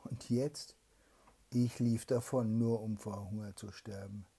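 A glum, hungry runaway soldier from a fairy tale, grumbling about his lot, as a mother reading aloud plays him. The voice is dark and gravelly with a husky, breathy grain. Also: rumbling low, steady tone, measured pace, heavily acted. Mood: lamenting.

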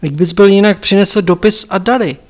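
A man reading an audiobook, voicing an old male lama abbot who admonishes his pupil in a measured, lecturing way. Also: sits high, pitched above the performer's own voice, close to an everyday voice. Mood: instructive.

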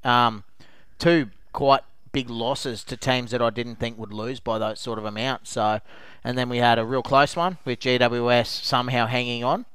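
A man with an Australian accent trades casual sports banter as a panellist. His voice is clean and medium-pitched, captured very dry. He is blunt and laconic, and swears freely. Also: fairly even intonation, normal speed, fairly bright tone, clear, resonant tone, no echo. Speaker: podcast panellist.

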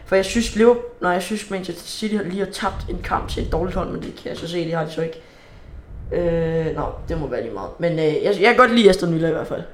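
A man's voice: fairly high pitch, lively intonation. A man hosting a casual football prediction chat. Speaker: host of a football prediction talk.

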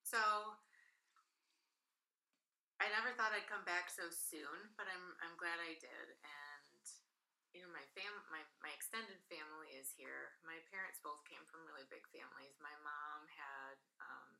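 A woman's voice: deep voice, steady tone, a little slow, vocal fry, pushed and bright, low-quality recording. A woman in her late thirties, a guest in a casual interview, talking at length in a chatty, rambling way and laughing easily. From northern Michigan, USA. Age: 30s.

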